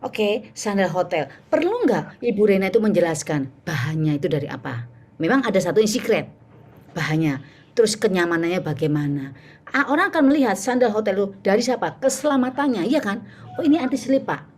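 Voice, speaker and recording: During an online public speaking workshop on a video call, a woman with a mid-range voice talks a little fast. She's animated, acting out short sales dialogues as she teaches.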